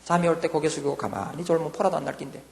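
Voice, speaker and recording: A man in his sixties with a Gyeongsang accent, a church deacon giving a lively testimony and acting out voices of himself and his wife. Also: a little high, rapid-fire, creaky, long reverb tail. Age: 60s.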